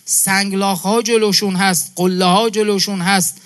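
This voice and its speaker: High-pitched man preaching with emphatic repetition. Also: fairly even intonation, a bit bright, clear, resonant tone. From Iran. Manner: addresses listeners as brother and sister. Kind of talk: religious sermon to a gathering.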